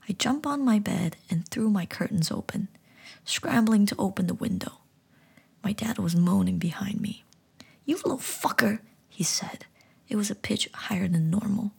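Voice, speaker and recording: A woman's voice: medium pitch, gravelly, darkish tone, slightly rough. A woman narrating a first-person horror story entirely in a whisper. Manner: whispering throughout.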